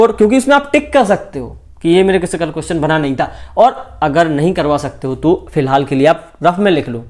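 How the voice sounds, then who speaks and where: A young man with a fairly high voice talks straight to the camera like an older brother coaching students for an exam. He speaks casually and directly, and he keeps pausing to check that his listeners are following. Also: darkish tone. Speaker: medical student mentoring exam takers. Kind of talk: casual advice vlog.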